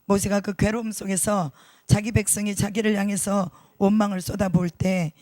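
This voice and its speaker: A man's voice: sits high, little pitch movement, moderate pace, a little mellow, no echo, clean studio sound. A man preaching a sermon as pastor, emphatic, repeating key words and putting rhetorical questions to the congregation.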